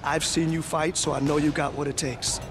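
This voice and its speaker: An actor playing a calm veteran male fight coach, speaking in a measured, encouraging way in a game cutscene. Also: on the high side, over loud music, natural voice. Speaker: video game character. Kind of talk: scripted game cutscene dialogue.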